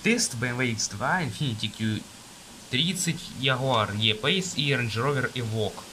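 A man's voice: medium pitch, pushed and bright, a little hiss or hum, poor audio. Casual young man flipping through a magazine. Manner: casual, halting, listing items with fillers. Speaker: magazine reviewer. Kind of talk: casual page-flipping review. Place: indoors at a table, rain outside. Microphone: phone camera filming from above. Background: rain.

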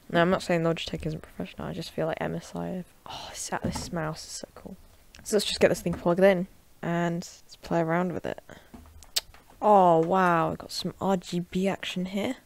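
Gravelly-voiced woman chatting at her desk. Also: lowish voice. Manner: chatty and offhand, bursting into loud shouts while gaming. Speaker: tech reviewer and gamer. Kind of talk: casual unboxing and gameplay commentary. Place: at a desk at home.

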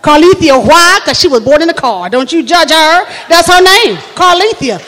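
A woman's voice: very high voice, expressive, moderate pace, fairly bright tone, in a large hall. A woman voicing a preachy church woman who claims the Lord speaks through her.

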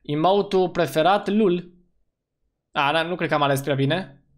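A man giving let's-play commentary as a gaming YouTuber, excitable and slangy, breaking into loud whoops. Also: a little high.

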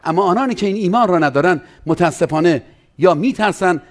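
A man preaching a sermon as pastor, swinging between loud emphatic runs and quiet asides. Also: animated. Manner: preaching with sweeping pitch and loudness swings, acting out quoted doubters.

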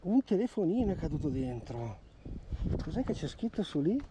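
A man's voice: on the high side, moderate pace, background noise. A man magnet fishing by a river, chatting through his finds in a casual vlog and repeating words when something turns up. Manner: excited, repeats words while pointing out finds. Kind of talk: casual outdoor vlog commentary. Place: outdoors by a river.

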